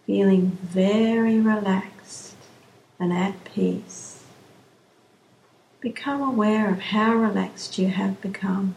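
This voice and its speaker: A woman slowly leading a guided relaxation session in a soothing, drawn-out way. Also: mid-range voice, dark tone, a little hiss or hum. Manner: slow, soothing, drawn-out phrasing. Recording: roomy echo, faint background ambience.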